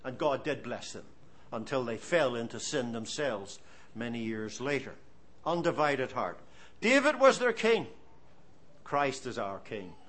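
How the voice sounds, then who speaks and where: An Irishman in his seventies preaches a sermon, his mid-range voice moving at a measured pace. He tells it as a story, animated and earnestly exhorting his listeners.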